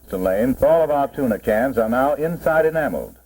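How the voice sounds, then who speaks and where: A man's voice: mid-range voice, expressive, a little fast, darkish tone, slightly rough. A man presenting as a proud company spokesman, narrating a 1940s promotional film in a formal, salesmanlike style. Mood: explanatory. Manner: formal, salesmanlike, mid-century narrator delivery. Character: company man presenting his product with pride. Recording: muffled, worn 1940s film soundtrack.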